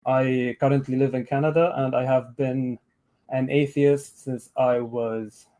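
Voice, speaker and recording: A man's voice: mid-range voice, little pitch movement, measured pace, mellow. A man in his thirties from Lebanon on a video call, speaking in a hesitant way with many fillers and restarts. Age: 30s. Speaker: caller. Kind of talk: casual debate on a video call.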